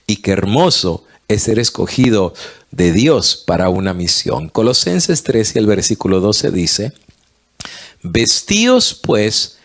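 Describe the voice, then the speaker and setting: Low-voiced male preacher. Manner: storytelling, slow emphatic scripture reading. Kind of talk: sermon.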